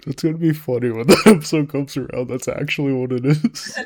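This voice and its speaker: A man's voice: mid-range voice, a little fast, darkish tone. A man co-hosting a casual podcast chat, laid-back and giving short replies. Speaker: podcast co-host.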